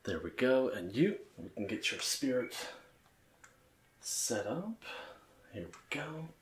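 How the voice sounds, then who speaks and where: Slow but very animated, a man of medium pitch voices a bartender in ASMR role-play game commentary, full of polite, attentive customer-service talk. The room echoes.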